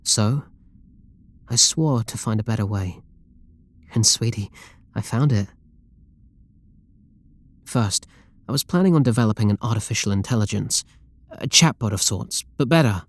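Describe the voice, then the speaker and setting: In a lowish, unhurried voice that pauses often, a British-accented man performs an intimate roleplay audio drama as a lovestruck game developer who is obsessive, possessive, doting and controlling. He sounds fervent and confiding, murmuring pleading endearments.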